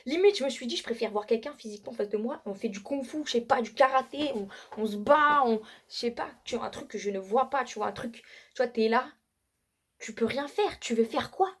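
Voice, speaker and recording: A young woman vlogging her personal testimony in a loose, conversational way. She chains anecdotes together with slang and fillers, and her voice runs slightly high. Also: fairly quick, husky. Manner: animated, slangy storytelling with many fillers and restarts. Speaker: vlogger giving a faith testimony. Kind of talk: casual spoken testimony to camera.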